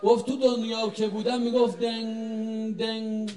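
A man preaching a sermon to a live congregation, swinging between loud chanted lines and hushed, pleading talk. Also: high voice, monotone, soft background music. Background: crowd of mourners.

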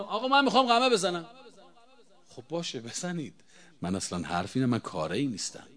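A man with a fairly high voice preaches to a gathering in a rhetorical, insistent style. He swings between loud, emphatic bursts and quiet, low asides, pressing his questions on the listeners. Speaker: religious eulogist speaking on mourning rites. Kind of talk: religious talk to a gathering.

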